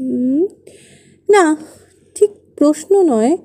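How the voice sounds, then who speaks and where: A young wife who soothes and sidesteps her husband's questions, read by a woman in a high voice. Her replies stay gentle and placating. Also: lively intonation, extremely slow, exaggerated voice. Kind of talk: Bengali play reading.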